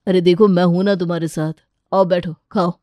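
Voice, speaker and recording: A woman's voice: fairly low pitch, steady tone, fairly quick, dark tone, no room sound, close to an everyday voice. Woman voicing a lazy, laid-back cartoon son. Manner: lazy, dismissive.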